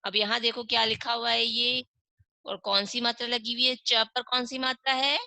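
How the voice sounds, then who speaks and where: A woman's voice: a little high, flat delivery, creaky, bright, forceful tone, dry recording, low-quality recording. Woman teacher, online class for young kids, spells out syllables, questions and answers herself, dry close sound. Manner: slow, drawn-out syllable-by-syllable reading, asks and answers her own questions. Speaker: primary school Hindi teacher.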